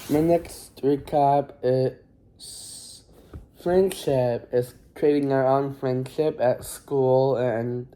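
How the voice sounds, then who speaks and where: Teenage student, very mellow dark tone, slow pace, halting and rambling, casual phone vlog. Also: mid-range voice. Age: teens. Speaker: high school student vlogger. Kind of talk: casual recap vlog to camera.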